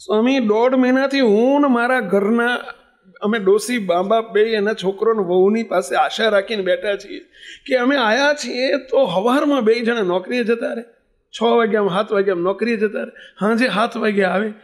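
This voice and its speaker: A man's voice: high-pitched, fairly even intonation, normal speed, natural voice. A man voicing a heartbroken elderly father in his sixties who pleads through tears in a sermon story. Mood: tearful pleading. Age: 60s. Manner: pleading, sobbing complaint.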